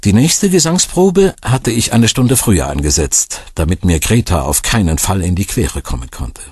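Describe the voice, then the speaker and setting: A man narrating a thriller audiobook in the first person, with a wry, expressive storytelling manner. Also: low voice, moderate pace, breathy edge, dry recording, clean studio sound. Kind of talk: scripted narration.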